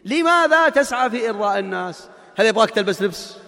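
Guy preaching, high voice, lots of rhetorical questions, long echo like a big hall. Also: lively intonation, quick pace, gravelly, sharp tone. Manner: rhetorical questions, emphatic, colloquial asides. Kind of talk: conversational religious sermon.

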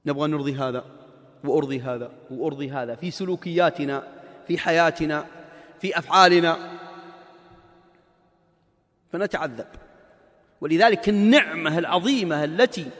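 High-voiced preacher in reverb. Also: male voice, normal speed, long pauses, a bit bright. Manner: rhetorical questions, emphatic, colloquial asides. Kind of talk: conversational religious sermon.

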